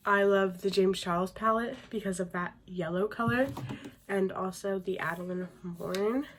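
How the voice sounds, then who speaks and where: A young beauty vlogger chats casually through a makeup tutorial, murmuring and trailing off as she works. Her medium-pitched voice is slightly raspy as she gets over an illness, and there's background noise.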